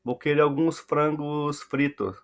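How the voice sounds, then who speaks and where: A man teaching English to Portuguese speakers, saying each model phrase slowly and repeating it for practice. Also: a little high, fairly even intonation.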